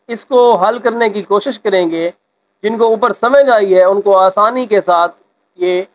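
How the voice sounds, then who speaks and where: High-voiced man teaching a class lesson. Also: low-quality recording. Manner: reads example sentences slowly and expressively, then explains. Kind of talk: explaining a textbook exercise.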